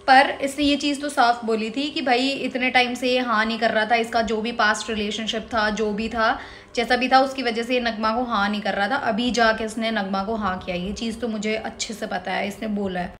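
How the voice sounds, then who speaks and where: Animated high-voiced woman reviewer. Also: moderate pace, a little hiss or hum. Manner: animated, opinionated, laughs and mimics often. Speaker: reality show reviewer. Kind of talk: casual reaction commentary.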